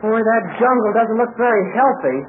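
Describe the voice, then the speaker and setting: A boyish young adventurer in an old radio serial, eager and earnest. His voice sits high for a male. The recording is thin and tinny, with light noise. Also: a little fast. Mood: eager, wary.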